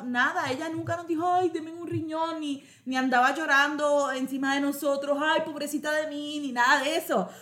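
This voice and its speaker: A woman telling a heartfelt, devout story as a podcast guest, lively and emotional. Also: high voice. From Puerto Rico. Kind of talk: casual heartfelt testimony.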